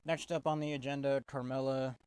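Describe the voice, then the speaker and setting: A man's voice: medium pitch, level tone, fairly quick, a little mellow, smooth, no echo. A man giving a casual, swear-heavy wrestling review, exasperated and full of restarts. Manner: profane, exasperated, stumbling restarts.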